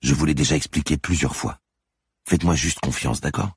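A man's voice: extremely low pitch, brisk, gravelly, breathy edge, dry recording, clean studio sound, voice pushed up, heavily acted. A man voicing a firm woman police lieutenant who talks urgently and reassuringly.

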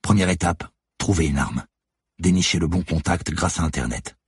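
A man's voice: low-pitched, normal speed, husky, no echo, studio quality. A man voicing a relentless woman police detective who lays out her accusations steadily and methodically in an audiobook. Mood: accusing, cold. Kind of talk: audiobook character voice.

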